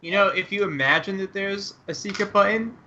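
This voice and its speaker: A man with a fairly high, bright, forceful voice makes wisecracks while playing a tabletop game. The audio is slightly dull and lo-fi. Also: brisk, a little hiss or hum. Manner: playful, wisecracking. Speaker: player. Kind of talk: casual tabletop game chat.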